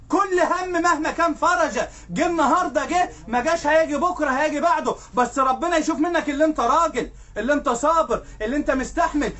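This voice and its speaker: Egyptian male preacher, very high voice, quick chatty sermon that keeps checking in with listeners. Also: a bit bright. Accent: Egyptian Arabic. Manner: storytelling, keeps asking "right?". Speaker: sheikh preacher. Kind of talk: conversational sermon.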